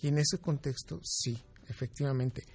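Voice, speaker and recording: A man's voice: mid-range voice, steady tone, moderate pace, darkish tone. A man, a doctor guest in an interview, giving emphatic advice and explaining with examples.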